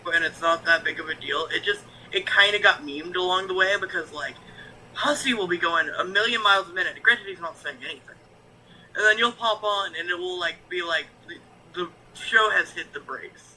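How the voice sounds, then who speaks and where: Guesting on a casual stream, a YouTube show reactor rambles candidly, full of fillers and restarts. He has a high, bright voice with a forceful tone at a moderate pace, and the rough recording carries a little hiss or hum.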